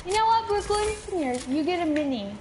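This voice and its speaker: A woman's voice: very high voice, lively intonation, brisk, noisy background. A woman chatting while playing an online game with friends, insistent and demanding. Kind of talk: casual gaming chat.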